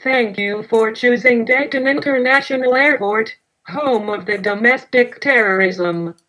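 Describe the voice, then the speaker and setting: A woman voicing a deadpan airport gate announcer speaking over the intercom in a measured, official tone. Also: fairly high pitch, rough recording. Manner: measured, drawn-out announcing, offensive lines delivered in a flat official tone.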